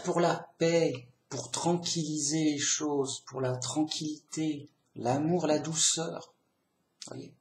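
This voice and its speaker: A man giving an informal sermon, emphatic and repetitive, sometimes acting out an angry or calmed-down person. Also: a little high, echoey room. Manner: acts out angry and calm speakers, emphatic lists. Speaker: lay preacher.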